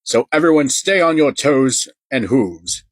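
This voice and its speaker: A man's voice: medium pitch, lively intonation, a little slow, no echo, pitched above the performer's own voice. A man voicing a brave male action-figure leader in an audiobook, giving firm, commanding orders. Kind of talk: audiobook character voice.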